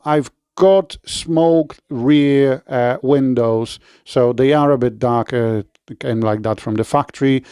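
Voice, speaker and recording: This relaxed installation walkthrough and product review comes from a Polish-accented man who frequently uses fillers and corrects himself. The studio-quality recording is dry, and his mid-range voice has a clean tone.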